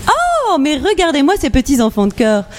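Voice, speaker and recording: A gushing, pious lady of a comic radio serial, acted by a woman. She is theatrical and drawn-out, with a very animated pitch over clear music.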